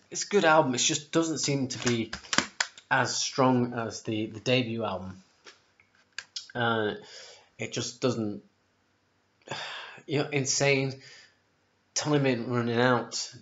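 In his home kitchen, a man in his forties with a sore throat chats loosely into a nearby webcam for a casual album-ranking vlog, frequently correcting himself. His medium-pitched voice comes through dull, lo-fi webcam audio with a little hiss or hum.

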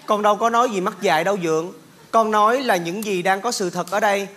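Actor as earnest grown child, stage comedy, formal reasoning, mid-pitched voice. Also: fast talker, fairly bright tone, natural voice. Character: earnest grown child speaking politely to stepfather.

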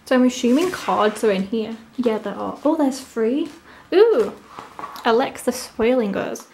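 A woman with a fairly high voice talks through an unboxing in a casual, gushing way. Her throat sounds sore, as if speaking through swollen tonsils with tonsillitis, yet she stays enthusiastic. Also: measured pace, a little mellow, slight background noise. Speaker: unboxing video host. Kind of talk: casual excited unboxing commentary.

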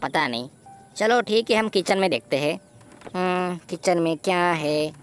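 A man's voice: high voice, unhurried, slight background noise. A man voicing a cheeky, playful cartoon boy who teases and over-dramatizes, with music playing behind. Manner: laughs a lot, teasing and over-dramatic. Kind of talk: Hindi cartoon gameplay voice-over. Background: background music.

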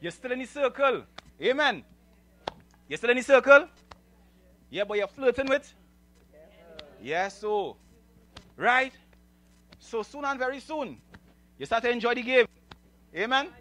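His very high, slightly bright voice is expressive and measured, with frequent pauses, as this Trinidadian-accented man preaches emphatically from the stage of a church hall. Holding a handheld microphone, he repeats phrases and prompts the audience to agree in an animated sermon.

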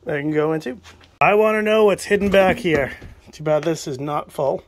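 A New England estate sale buyer holds his phone to film himself combing through a cramped wooden shed, chatting casually to viewers as he picks items. His voice sits on the high side at a moderate pace, with slight background noise.

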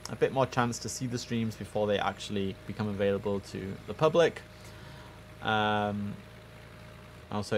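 Streaming an air traffic control game from a desk in his room, a headset-wearing young man keeps up a chatty commentary aimed at his viewers, mixing in clipped radio phrasing. His voice sits on the low side, with noticeable vocal fry.

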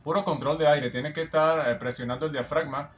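A man's voice: fairly high pitch, fairly even intonation, fairly quick, slight background noise. A man acting as a vocal coach, explaining singing technique in an admiring, explanatory way. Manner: admiring, explanatory, often sings snippets back. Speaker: vocal coach analyzing a singer. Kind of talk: reaction and vocal analysis commentary. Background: song playing in the background.

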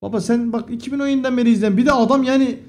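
A young man streaming live, casually reading out his viewers' messages, cursing freely and breaking into loud outbursts. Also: extremely high pitch, very fast. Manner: profane, swearing often, loud outbursts.

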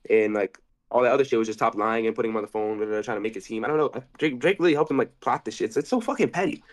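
A man being interviewed, telling a rambling story with lots of cursing and restarts. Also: mid-range voice. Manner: rapid, cursing, restarts often. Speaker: interview guest.

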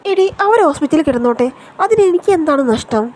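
A woman's voice: sits high, very animated, fast, a little mellow. A woman voicing a scheming young man who mocks his cousin's wife and then denies everything. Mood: sneering. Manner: mocking, then defensive denials.

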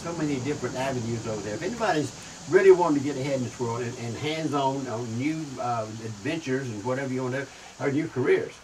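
A man's voice: mid-range voice, fast, darkish tone. An older man hosting a cooking show, chatting in a folksy way and repeating his words. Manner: folksy, repeats words, laughs at own jokes. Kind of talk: casual chat. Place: outdoor patio set with garden. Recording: distant mic, faint outdoor noise.

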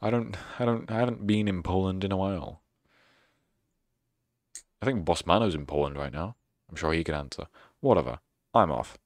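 Long pauses break up the moderate-paced, low-voiced chatter of a young streamer wrapping up for the day. His rambling banter is sarcastic and self-mocking, recorded close-up with no echo.

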